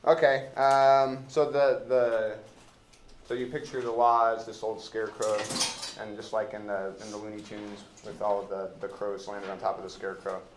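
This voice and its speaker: In an indoor classroom, an American man leads an informal discussion of a play, rambling, joking and halting as he feels his way through in colloquial speech. His voice is lowish with a flat delivery. The recording has a roomy classroom echo and background hiss.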